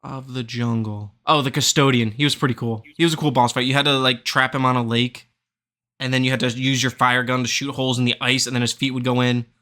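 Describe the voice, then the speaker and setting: A man's voice: mid-range voice, little pitch movement, fast, pushed and bright. A man hosting a gaming podcast in casual chat, rambling and searching for words. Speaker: podcast host.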